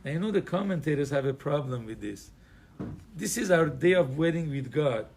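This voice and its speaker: A man's voice: a little high, expressive, normal speed, creaky, darkish tone, a little hiss or hum. Man giving a chatty, joking Torah class. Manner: conversational, digressive, joking asides, frequent fillers. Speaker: rabbi teaching a class. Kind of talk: informal Torah class to a live audience.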